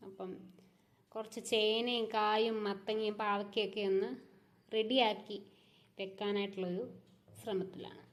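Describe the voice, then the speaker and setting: A woman's voice: medium pitch, little pitch movement, normal speed, pauses often, echoey room. A woman in her thirties, a mother from Kerala, chatting casually to viewers while chopping vegetables at home, recorded on a propped-up phone. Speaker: vlogger and mother. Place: home kitchen. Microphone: phone propped up without a stand.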